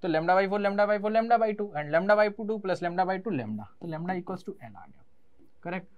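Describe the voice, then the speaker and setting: A man's voice: high voice, lively intonation, slow, phone-quality sound. A young Indian man teaching physics in an online class. He mixes Hindi and English terms and answers his own questions in a student's voice.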